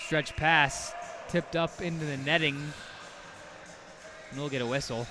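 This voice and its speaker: A man's voice: on the high side, fairly even intonation, over music. Man calling hockey play-by-play. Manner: rapid calls that surge loud on goals. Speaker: play-by-play announcer.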